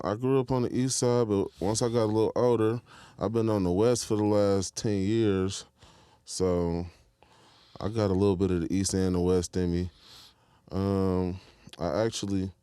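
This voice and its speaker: A young man from Michigan with a very deep, mellow voice talks easily as a podcast guest, his tone smooth and rounded. He speaks in loose street slang, often checking if you follow him. The studio sound is dry and close. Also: dry recording. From Detroit, Michigan, US. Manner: laid-back, slangy, keeps asking "you feel me". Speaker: guest rapper. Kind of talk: casual interview chat.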